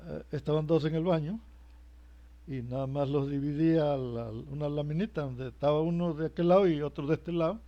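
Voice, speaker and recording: A man's voice: on the high side, fairly quick. A man giving a religious teaching, hesitant, repeating words and asking himself rhetorical questions. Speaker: preacher. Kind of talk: sermon-style religious teaching. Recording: muffled lo-fi recording.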